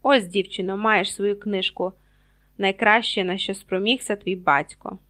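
A woman's voice: medium pitch, steady tone, a little slow, fairly bright tone, natural voice. Woman doing a cold haughty aristocrat. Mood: disdainful. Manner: cold, disdainful.

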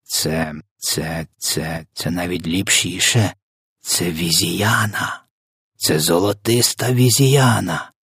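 Brief: man voicing a gentle old giant who twists his words, husky and swinging from hush to high alarm. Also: unhurried, dry recording, studio quality, heavily acted. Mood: hushed awe. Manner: garbled grammar and made-up words, swings from hushed whisper to shrill wailing. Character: huge kindly old male giant who mangles words. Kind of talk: audiobook character voice.

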